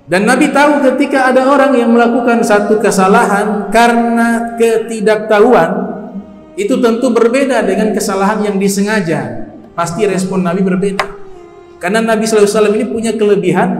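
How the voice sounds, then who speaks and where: A male preacher from Ternate telling stories in a sermon, repeating key phrases three times for emphasis. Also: high voice. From Ternate, North Maluku. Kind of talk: sermon storytelling. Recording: echoey hall with faint music.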